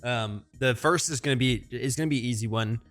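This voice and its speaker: A man's voice: medium pitch, brisk, fairly bright tone. A man interviewing a guest, asking long, loosely phrased questions in a chatty way. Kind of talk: casual video interview.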